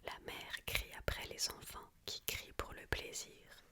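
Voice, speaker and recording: A woman gives an ASMR book reading entirely in a hushed library whisper. She takes her time over every phrase, measured and careful. The whisper has a bright, crisp edge. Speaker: ASMR reader.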